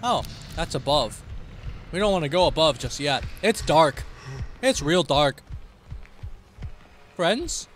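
A male streamer giving casual gameplay commentary, playful and excitable, often breaking into laughter and sudden outbursts. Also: a little high, unhurried, soft background music.

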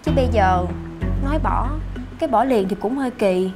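An actress playing a fickle young mistress who whines and pleads, over background music. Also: female voice, on the high side, moderate pace, lightly acted. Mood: coaxing. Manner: whiny, pleading.

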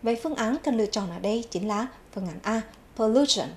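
A woman's voice: on the high side, a little hiss or hum. A woman teaching a televised English vocabulary lesson, repeating each English word twice before giving its meaning. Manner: clear, measured classroom delivery. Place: TV studio.

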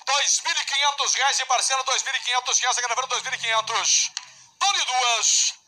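A Brazilian man calls a livestock auction in a very high, strained voice. His delivery is loud and insistent, repeating phrases like a chant, with a piercing, forceful edge. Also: normal speed, rough recording. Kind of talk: rapid repetitive auction calling.

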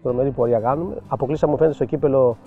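An older man and football coach telling animated anecdotes in an interview, acting out the dialogue he quotes. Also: mid-range voice. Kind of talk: storytelling interview. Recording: dull lo-fi sound with faint music.

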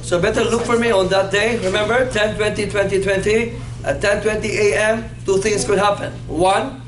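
A playful, animated anatomy instructor in his fifties lectures in front of a classroom whiteboard, quizzing students in call-and-response fashion. His voice sits high and moves at a moderate pace, picked up by a far camera in an echoey classroom with background noise.

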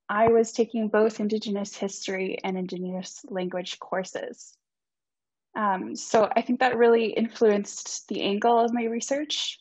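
Over a video call, a young woman in her twenties presents at an academic conference as a student, earnest and courteous, often saying um. Her voice sits mid-range with a breathy edge, and she is not a native Icelandic speaker. There's no echo, just the dry, slightly muffled sound of a computer microphone.

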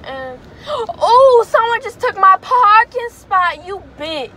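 A young woman vlogging from inside a car on a phone held at arm's length, talking casually in slangy, profane speech and getting loudly worked up. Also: very high-pitched, animated, slow pace. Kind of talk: casual vlog chat. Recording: phone recording with loud car and street noise.

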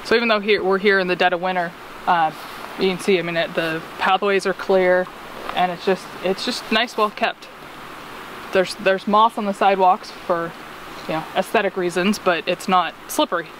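A woman's voice: fairly low pitch, fairly even intonation, normal speed, fairly bright tone, rough recording. A woman hosting a casual RV travel vlog, chatting and explaining facts about a forest park. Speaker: RV travel vlogger. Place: outdoors in a rainy forest park. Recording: outdoor noise on the mic.

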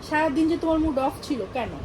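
A young Bangladeshi mother with a very high, light voice and a Bangladeshi Bengali accent chats with her little ones in a coaxing, sing-song lilt. She is filming a casual family vlog indoors at home. The recording carries a clear layer of background hiss. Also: fast. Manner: coaxing, sing-song talk to small children. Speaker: mother and vlogger.

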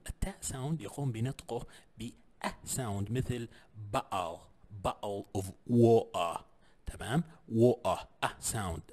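A man with a slightly husky voice giving a casual language lesson, explaining pronunciation with spoken examples and English words mixed in. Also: sits low, darkish tone. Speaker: language teacher.

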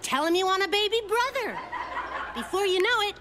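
Casting: confident little cartoon girl, very high, animated, perky and sassy. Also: fairly quick, background noise. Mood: cheeky, presenting. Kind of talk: cartoon voice acting.

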